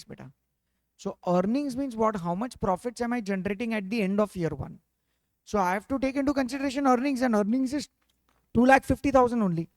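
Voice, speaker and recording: A medium-pitched, slightly mellow voice belongs to a finance teacher with an Indian accent giving a revision lecture. The teacher keeps firing questions at students and sometimes adds a Hindi interjection, and the recording has no room sound.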